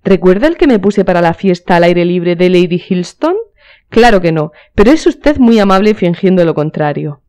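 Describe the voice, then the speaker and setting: A woman's voice: lowish voice, lively intonation, moderate pace, darkish tone, clear, resonant tone, close to an everyday voice. A woman voicing a playful, flirtatious aristocratic duchess in a storybook reading, with a teasing, coquettish manner.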